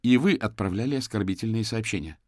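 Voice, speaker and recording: A man's voice: fairly low pitch, darkish tone, no echo, studio quality, pitched above the performer's own voice, natural voice. A man reading a cold female detective. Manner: cool, clipped, deliberate questioning.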